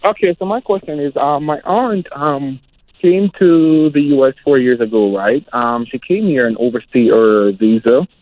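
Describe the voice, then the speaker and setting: A man's voice: medium pitch, normal speed, no echo. Man on a bad, tinny phone connection. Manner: repeatedly asks whether he can be heard. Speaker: caller. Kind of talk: call-in question to a radio host. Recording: tinny, dry phone line.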